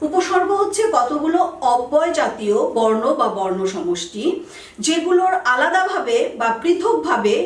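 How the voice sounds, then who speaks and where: A woman's voice: sits high, roomy sound, recorded from a distance, low-quality recording. A woman teacher explaining spelling rules to students, carefully listing example words one by one and stressing key points.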